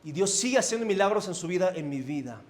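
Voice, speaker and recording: Male pastor, Mexico City accent, high voice, animated conversational sermon in a church. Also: quick pace. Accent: Mexico City Spanish. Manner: animated, asks the congregation questions, swings between loud and soft. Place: church sanctuary.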